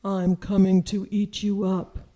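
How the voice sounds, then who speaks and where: A woman's voice: medium pitch, level tone, slow, warm tone, lightly acted. A woman voicing a mean, ugly male troll with a terrible temper, roaring threats in a storybook reading. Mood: gruff, threatening.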